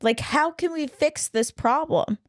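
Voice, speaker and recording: A woman's voice: high-pitched, measured pace, no echo, studio quality. A woman co-hosting a casual film discussion podcast, explaining ideas in a sarcastic, laughing way. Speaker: podcast co-host.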